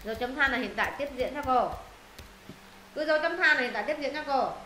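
High bright-voiced woman teacher drilling students. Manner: questioning, drilling students with quick prompts. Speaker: English teacher. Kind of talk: classroom lesson explaining answers. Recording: roomy echo, faint noise.

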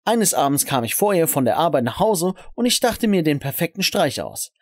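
A man's voice: a little high, very animated, moderate pace, dry recording, studio quality. A man narrating a first-person story in a scripted, dramatic way.

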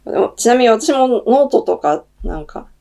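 A woman's voice: fairly high pitch, animated, moderate pace, gravelly, dark tone. A middle-aged woman hosting her own channel, reading tarot cards and chatting casually, thinking aloud with many fillers. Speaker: tarot reader and channel host. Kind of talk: casual solo talk.

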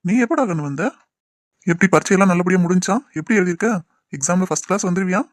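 A man's voice: high-pitched, quick pace, no echo, close to an everyday voice. A man voicing a middle-aged father and a doctor in a cartoon drama, speaking in a reassuring way. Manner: reassuring, mixes English words. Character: middle-aged father, calm, then worried over lost money.

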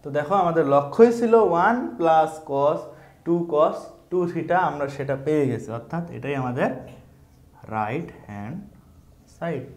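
A man's voice: fairly high pitch, animated, moderate pace. Echoey Bangladeshi man teaching math. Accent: Bangladeshi Bengali. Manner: explains step by step, drops in English math terms. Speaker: math instructor. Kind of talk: online math lesson.

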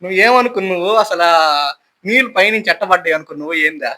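A man filming a prank vlog on a phone at home, loudly and insistently calling out to his friend and teasing him. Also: high voice, lively intonation, quick pace, rough recording. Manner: loud, insistent, repeats calls and commands. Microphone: phone camera.

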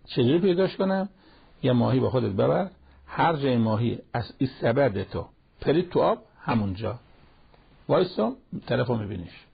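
A man's voice: mid-range voice, expressive. A man teaching a Quran lesson, retelling the story in plain colloquial speech and acting out the dialogue. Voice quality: gravelly and raspy. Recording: lo-fi television broadcast audio.

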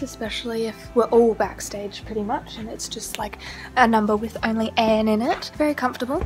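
A young woman, chatting casually as she explains things like a tour guide. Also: fairly high pitch. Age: young adult. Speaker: vlogger and community theatre cast member. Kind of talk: casual vlog chat. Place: backstage of a small theatre, indoors.

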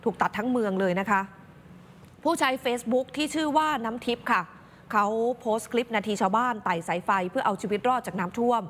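A woman's voice: a little high, brisk, big-room sound, a little hiss or hum. A woman anchoring the news, commenting expressively and speaking straight to the viewers. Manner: expressive, talks directly to viewers.

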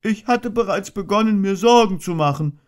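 A man's voice: high voice, expressive, pitched above the performer's own voice. Winnie the Pooh, voiced by a man. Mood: fussy. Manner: slow, earnest, ponderous, sing-song. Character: friendly, slow, muddled little teddy bear. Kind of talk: storybook reading.

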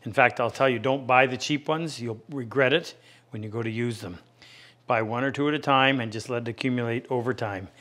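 A plain-spoken woodworking instructor in his fifties gives a practical, unscripted hands-on demonstration in his workshop. He talks a little fast, with a medium-pitched, fairly bright voice.

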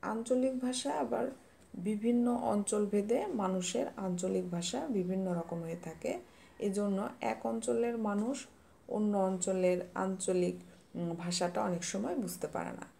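A woman teacher explains a grammar lesson step by step, patient and unhurried, pausing to pose quiz questions. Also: mid-range voice, creaky, warm tone. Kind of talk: classroom lesson reading notes.

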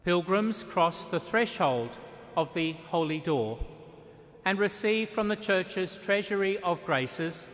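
A middle-aged man gives a measured, solemn sermon, pausing deliberately between phrases. His voice sits slightly high for a man. He speaks into a lectern microphone, and the vast stone cathedral around him carries a long, lingering reverb. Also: a bit bright. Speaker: archbishop preaching.

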